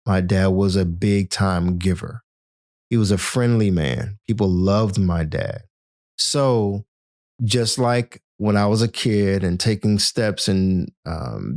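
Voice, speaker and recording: Low-voiced encouraging male podcast host. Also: darkish tone, no echo, studio quality. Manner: encouraging, addresses listener as "my friend". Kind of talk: motivational podcast talk.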